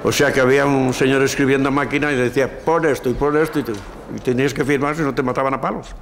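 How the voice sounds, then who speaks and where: A man's voice: mid-range voice, fairly even intonation, fast talker. An older man with an accent from Spain gives spontaneous testimony, telling it anecdotally, repeating words and acting out remembered dialogue. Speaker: former political prisoner, eyewitness. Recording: long reverb, faint background noise.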